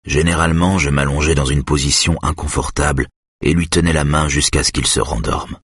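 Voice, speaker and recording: Male audiobook narrator, very deep voice, dry close mic. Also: breathy edge, dry recording. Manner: calm, measured, intimate. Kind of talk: first-person literary narration.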